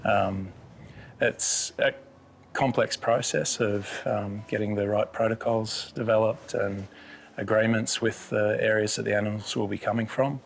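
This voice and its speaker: A man's voice: lowish voice, vocal fry, a little hiss or hum. A man, a station manager, answering interview questions in an understated, matter-of-fact way.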